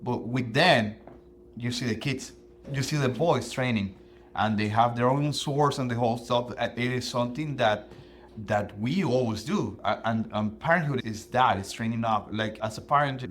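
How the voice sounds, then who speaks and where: A man co-hosting a casual podcast chat, speaking in a passionate, animated, somewhat preachy way. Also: mid-range voice, normal speed. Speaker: podcast co-host.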